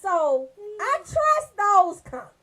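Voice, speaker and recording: Very high-voiced and slow, a woman hosts a comedy radio show full of raunchy monologue and banter. Her manner is brash and emphatic, with animated storytelling and forceful check-ins.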